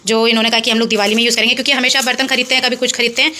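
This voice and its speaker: A woman's voice: on the high side, little pitch movement, racing, pushed and bright. A mother filming a casual home vlog indoors on a phone, chatting to her viewers and coaxing her children along. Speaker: vlogger, mother.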